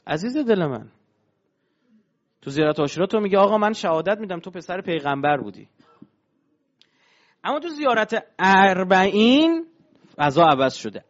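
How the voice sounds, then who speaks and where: A man's voice: high-pitched, highs cut off. A man giving a religious lecture, explaining step by step and asking his listeners rhetorical questions.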